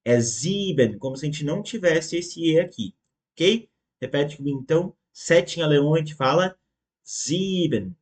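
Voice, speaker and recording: A man teaching a German lesson online, slowly and patiently repeating words for the learner and checking in often. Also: fairly high pitch, expressive. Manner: ends phrases with checking tags.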